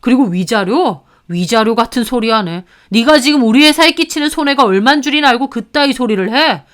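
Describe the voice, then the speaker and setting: A woman plays an angry, protective older brother in a story reading. He berates an employee in a loud, forceful voice, and the tone is clean and smooth. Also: a little high, animated, brisk. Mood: furious. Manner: furious, berating.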